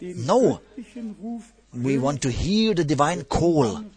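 Slow, emphatic male preacher. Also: a little high, very animated, crowd noise. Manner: slow, emphatic, repeats phrases, stresses scripture. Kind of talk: sermon.

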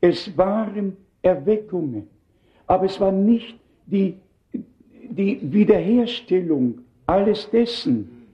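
Older man, sermon, high voice, unhurried, emphatic preaching, muffled lo-fi sound. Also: lively intonation. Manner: earnest, emphatic preaching with asides to the congregation.

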